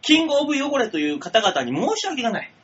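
A man's voice: very high voice, huge pitch swings, quick pace, a bit bright. A man hosting a casual comedy talk show, reading listener mail in a playful, bawdy, mock-formal manner, on a dull lo-fi recording.

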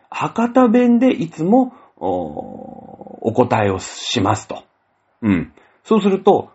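A man's voice: medium pitch, darkish tone, slightly rough. A man hosting a casual solo talk show, rambling through a story with many fillers. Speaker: host. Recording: dull lo-fi audio.

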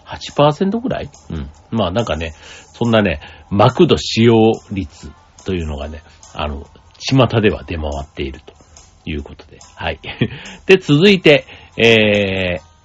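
A man's voice: sits low, very animated, a little slow, slightly rough. A man from Kansai hosting a casual solo talk show, rambling with many fillers and asides. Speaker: podcast host. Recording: slightly dull lo-fi audio with faint music.

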